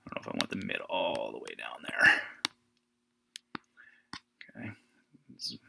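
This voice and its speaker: A man teaching an informal audio editing lesson, thinking aloud in a relaxed way. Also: extremely low pitch, a little slow, vocal fry, in a whisper. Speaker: music teacher. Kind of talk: casual screen-recorded audio editing tutorial.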